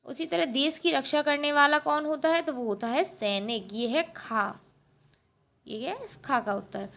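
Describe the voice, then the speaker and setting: Working through a schoolbook lesson, a woman teacher goes step by step, repeating answers and asking the class rhetorical questions. Her voice sits high, unhurried and creaky, with a fairly bright tone.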